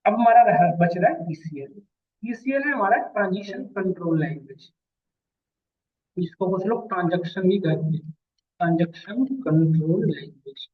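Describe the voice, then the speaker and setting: A man's voice: high voice, animated, normal speed. A man teaching a database class, calling students "beta" and checking that they follow. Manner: addresses students as beta, asks checking questions. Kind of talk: classroom lecture. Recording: distant mic, phone-like lo-fi sound.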